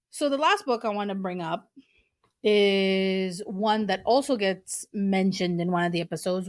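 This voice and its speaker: A young Portuguese woman hosts her own podcast, talking earnestly and casually about books she recommends, with fillers and restarts along the way. Her voice is mid-range, and the studio-quality recording has no echo.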